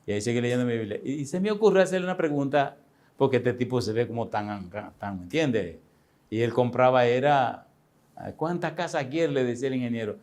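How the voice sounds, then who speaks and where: A pastor in his sixties telling a personal story in a sermon, with animated, chatty delivery and frequent laughs. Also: mid-range voice, brisk. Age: 60s.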